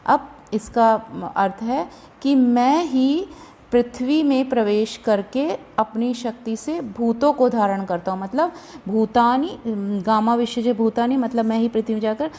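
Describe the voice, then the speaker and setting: Slow, careful woman teaching recitation. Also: fairly high pitch, mellow. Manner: slow careful chanting of verses, then plain explaining. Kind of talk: recitation lesson with explanation.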